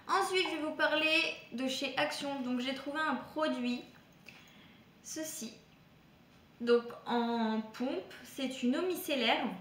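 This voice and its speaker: High-voiced chatty woman vlogger, roomy sound. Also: a bit bright. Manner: chatty, hesitant, many fillers and restarts. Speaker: beauty vlogger. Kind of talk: casual product haul review.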